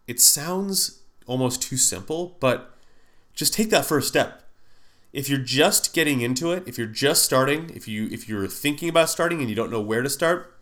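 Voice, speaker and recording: With a medium-pitched, fairly bright voice, a male podcast host delivers a casual monologue by himself. He sounds stuffy and nasal because of a sinus cold, and his speech rambles, packed with fillers and do-overs.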